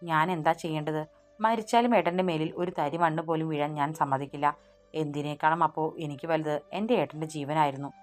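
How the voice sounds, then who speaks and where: A woman's voice: sits low, fairly even intonation, quick pace, soft background music, natural voice. A woman voicing a tearful young wife in a storybook. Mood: tearful pleading.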